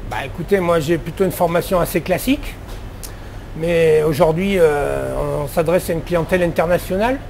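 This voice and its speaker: A man's voice: fairly high pitch, normal speed, darkish tone, a little hiss or hum. A middle-aged man answering interview questions as a head chef, talking casually with many fillers and restarts.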